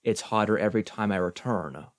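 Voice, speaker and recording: Stern commanding God, a man reading the part, lowish voice, dry close sound. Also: a little fast, no room sound, natural voice.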